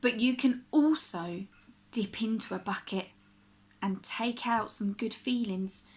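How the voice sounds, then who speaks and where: Reading a picture book to young children, this woman sounds like a primary school teacher, shaping each phrase with expression and care. Her voice is slightly high.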